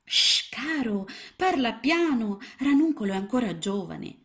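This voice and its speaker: A fussy, doting mother frog from a storybook, bustling and motherly, her voice pitched up a touch and full of lilt, as a woman narrator puts her on. She fusses warmly over the little one she has taken in. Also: very animated, a little slow, heavily acted. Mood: soothing. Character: motherly middle-aged female frog, fussy housewife.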